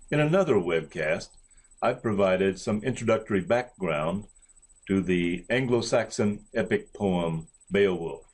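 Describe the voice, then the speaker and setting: Deep-voiced man giving a literature lecture. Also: darkish tone. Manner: measured, deliberate reading of verse examples. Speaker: literature professor. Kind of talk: recorded lecture.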